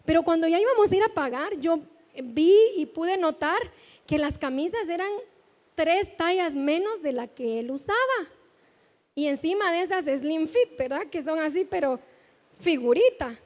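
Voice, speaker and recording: High-voiced Guatemalan woman pastor preaching. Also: moderate pace. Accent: Guatemalan Spanish. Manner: animated storytelling with direct questions to the congregation. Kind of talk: sermon. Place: large church hall. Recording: long church hall reverb.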